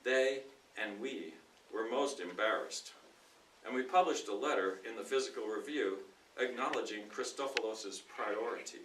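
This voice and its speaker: Bright, forceful man reading aloud, roomy sound. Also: fairly low pitch, moderate pace. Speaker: speaker in a dramatic reading contest. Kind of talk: expressive reading aloud of nonfiction to a live audience. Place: indoor room at a speaking club meeting. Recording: roomy, distant mic with faint noise.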